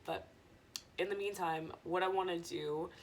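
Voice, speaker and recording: Casual female vlogger, low-pitched, loose rambling stoner delivery, noisy recording. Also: steady tone, measured pace. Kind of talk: casual chat to viewers.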